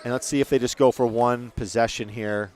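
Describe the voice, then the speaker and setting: A man's voice: medium pitch, steady tone, fairly quick, darkish tone, a little hiss or hum. Chatty man calling a school basketball game. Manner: chatty, rambling asides, self-corrections. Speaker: play-by-play commentator. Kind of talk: local sports commentary. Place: press box at a school gym.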